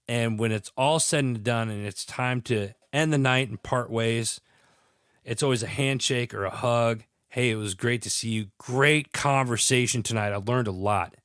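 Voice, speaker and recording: Here a male podcast host with a congested head cold chats casually, earnest and rambling, frequently starting sentences over. His voice is on the low side with a fairly bright tone, with no echo or room sound at all in the very dry recording.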